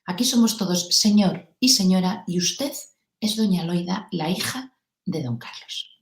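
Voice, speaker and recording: A woman's voice: fairly low pitch, animated, unhurried, echoey room, pitched below the performer's own voice. A woman quoting a group of factory workers in a stiff, formal way.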